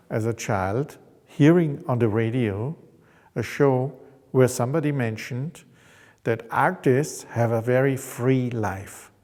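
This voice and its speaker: Slow man, in his fifties. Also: mid-range voice, darkish tone, in a large hall. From Austria. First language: German. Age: 50s. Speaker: painter. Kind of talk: reflective personal narration.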